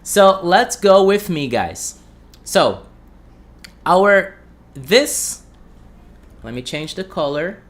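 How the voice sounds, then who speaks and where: A Brazilian man, a native Portuguese speaker with a Brazilian accent, teaches an English lesson on a livestream and repeats phrases for students to echo back. His voice sits high and is very animated. He speaks very slowly and pauses often.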